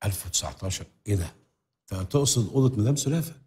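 An actor playing a scheming, persuasive fixer in a comedy series, talking fast and conspiratorially. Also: male voice, fairly low pitch, lively intonation, a little mellow, lightly acted. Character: scheming fast-talking fixer, always smoothing over trouble. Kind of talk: TV comedy drama acting.

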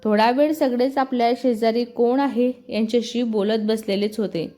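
Female storyteller over soft music. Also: a little high, normal speed. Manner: steady, descriptive storytelling. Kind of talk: scripted story narration.

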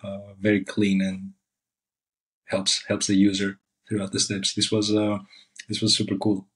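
A man hosting a casual interview, upbeat and quick to praise and affirm his guest. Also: fairly low pitch, completely flat delivery, fairly bright tone. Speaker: interview host.

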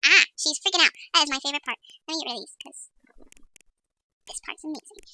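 A woman's voice: high voice, quick pace, heavy background noise. A woman's voice sped up into a chipmunk voice, chatting casually as she walks through a video tutorial and talks to herself while editing. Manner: chatty, rambling, self-talking while editing. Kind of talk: casual screen-recording tutorial.

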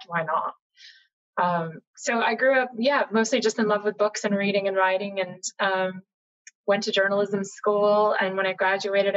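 Chatty American woman on a video call. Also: mid-range voice. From United States, Boston area. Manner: chatty, animated storytelling with frequent fillers. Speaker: journalist guest. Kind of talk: casual interview conversation. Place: home room, indoors. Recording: slightly dull lo-fi video call audio.

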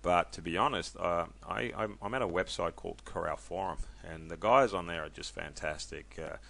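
A man casually walking viewers through a software tutorial, chatty and loose, with many ums and self-corrections. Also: deep voice, normal speed, creaky. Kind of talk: casual screen-recorded tutorial.

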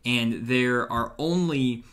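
Young guy hosting a live stream on a video call, upbeat sales pitch, lots of ums and likes. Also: slow pace, fairly bright tone. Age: young adult. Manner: enthusiastic promotional pitch with fillers. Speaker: host. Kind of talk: casual live-stream chat. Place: home room.

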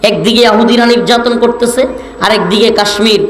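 A man from Bangladesh preaching a sermon, rhetorical and building to shouted emphasis. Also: high voice, steady tone, fairly quick. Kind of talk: Bengali waz sermon. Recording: echoey hall with faint noise.

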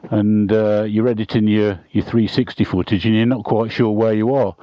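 A man's voice: fairly low pitch, level tone, normal speed, no room sound, highs cut off. A man chatting casually as he vlogs from a motorbike, recorded on a mic inside his helmet. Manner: chatty, conversational. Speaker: motovlogger. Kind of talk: casual vlog commentary while riding. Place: outdoors on a motorbike on country roads. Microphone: wireless mic inside a helmet. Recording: band-limited helmet mic, loud wind and engine noise. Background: wind and motorbike noise.

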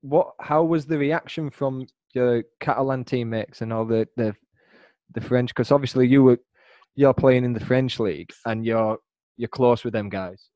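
A man's voice: medium pitch, moderate pace, dark tone, dry recording, muffled recording. A man hosting a podcast, asking questions in a friendly, teasing casual chat. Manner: friendly, teasing, laughs easily. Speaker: podcast host.

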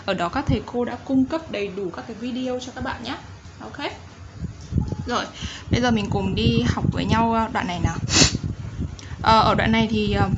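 A woman with a Vietnamese accent teaches English pronunciation, drawing out each English phrase slowly before quickly explaining the sounds. Her voice sits at an ordinary middle pitch. A steady layer of background noise runs under the recording. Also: highs cut off. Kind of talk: pronunciation lesson.

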